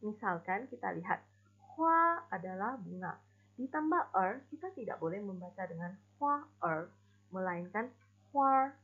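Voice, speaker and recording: A woman teaching a recorded Mandarin class, explaining slowly and modeling examples aloud. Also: medium pitch, very animated, breathy edge. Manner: slow, deliberate explanations with spoken examples. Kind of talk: recorded online class lesson. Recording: dull lo-fi recording.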